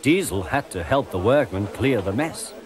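A man narrating a children's storybook aloud in a measured, expressive way. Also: fairly low pitch, crowd noise. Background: music.

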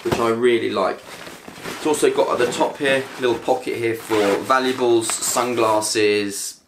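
In this casual product haul, a British man in his thirties, a family vlogger, chats about gear from his living room sofa. His mid-range voice is steady and a little slow, his mood upbeat and chatty, with laughs between items. The tripod camera in front of him records with some background noise.

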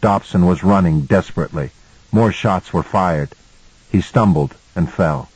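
A man narrating a novel in the first person as an audiobook, in a measured storytelling manner. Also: low voice, darkish tone, husky, dry recording, low-quality recording.

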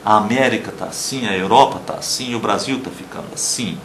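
A man preaching a televised sermon with a Brazilian accent, emphatic, swinging between loud declarations and soft murmurs and acting out the people he quotes. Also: fairly low pitch, a little fast, slight background noise. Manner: acts out quoted people in raised voices. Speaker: pastor. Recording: roomy with faint ambience.

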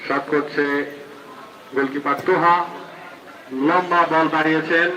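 A man's voice: a little high, fairly even intonation, a little slow, crowd noise. A man with a Bangladeshi accent giving live play-by-play commentary on a local football match. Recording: roomy, distant mic, clear background noise.

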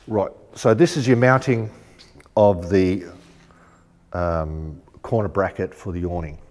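A man with a deep, slightly mellow voice speaks slowly while demonstrating rooftop tents in a large warehouse showroom. Chatty and practical, he thinks aloud with lots of ums. Long reverb and faint music surround him.

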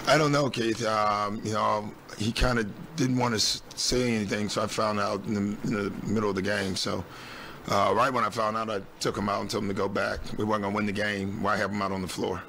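Older male coach, postgame presser, blunt and plainspoken, lowish voice with a bright, forceful edge. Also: flat delivery, a little fast, a little hiss or hum. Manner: blunt, matter-of-fact, frequent ums. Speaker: head coach. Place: team press room. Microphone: desk mic on stand.

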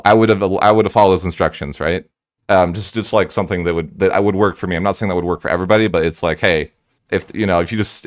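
A man's voice: low-pitched, no room sound. A man giving casual, rambling commentary while playing a strategy game, thinking aloud candidly into a close microphone.

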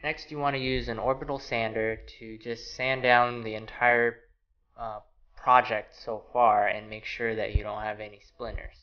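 With medium pitch and moderate pace, the man in his thirties gives casual woodworking narration for his home DIY channel, leaning on frequent fillers. The sound is lo-fi, beginning in a small laundry room before shifting to voice-over across garage footage, with clear music behind him.

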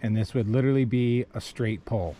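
A man's voice: mid-range voice, brisk, dark tone, slight background noise. Methodical man demonstrating rope rigging outdoors. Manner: plain, methodical, talks while rigging by hand. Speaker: kayak rescue instructor. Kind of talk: step-by-step instructional demo. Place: outdoors on a rocky riverbank. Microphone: wearable camera on body.

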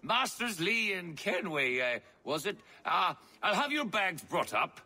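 A flustered video-game innkeeper who stumbles over his words. His voice is high and gravelly, with slow, tense delivery. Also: very animated, sharp tone, exaggerated voice. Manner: hesitant, stammering with "uh". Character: flustered, fawning man tending the inn.

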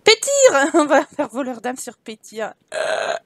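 Woman playing a video game and chatting, reads the story bits out loud, laughs and swears, slightly high voice, dry. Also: unhurried, no echo. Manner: chatty and playful, laughs often, swears casually. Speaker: video game let's-player. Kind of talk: casual gameplay commentary, reading quest text aloud.

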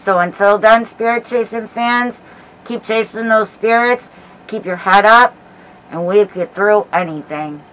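A middle-aged American woman giving a casual vlog update in a hesitant, halting way while feeling sick with a headache. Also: medium pitch, a bit bright, rough recording. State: unwell with headache and nausea. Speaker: paranormal vlogger. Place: small dim bedroom, indoors. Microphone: camera mic at about arm's length, through a cloth face mask.

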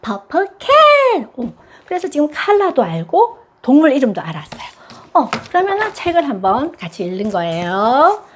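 A woman explaining children's English activities to parents in a chatty instructional style, switching into a high sing-song voice for the drills. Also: very animated, moderate pace, darkish tone. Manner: chatty, gives advice to parents. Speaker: English teacher for young children.

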